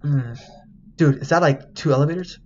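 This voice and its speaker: A man's voice: fairly high pitch, normal speed, warm tone, muffled recording, a little hiss or hum. A man casually reading a game's dialogue aloud while he plays, swearing, laughing and yelping when something startles him. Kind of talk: casual let's-play commentary.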